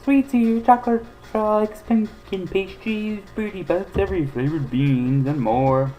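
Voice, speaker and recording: A man putting on a high, sing-song sweets witch. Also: measured pace, warm tone, faint music behind, rough recording. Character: cheerful sweet-seller witch, older woman.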